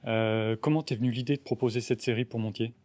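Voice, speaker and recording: A man's voice: mid-range voice, steady tone, fast, a little mellow. A man interviewing a photographer at a festival, informal and joking.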